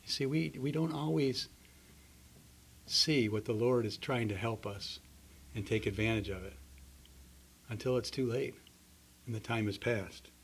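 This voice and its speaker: A man delivers a sermon, earnestly telling stories and voicing the characters within them. His medium-pitched voice moves a little slowly with long pauses, and slight background noise can be heard.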